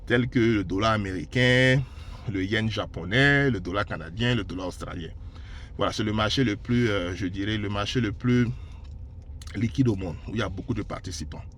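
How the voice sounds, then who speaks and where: A man, founder of a trading school, pitching his courses in an unscripted and explanatory way, with frequent fillers and hesitations. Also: moderate pace, fairly bright tone, slight background noise. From Côte d'Ivoire. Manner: informal and explanatory, peppers speech with "voilà" and hesitations. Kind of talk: unscripted promotional pitch to camera.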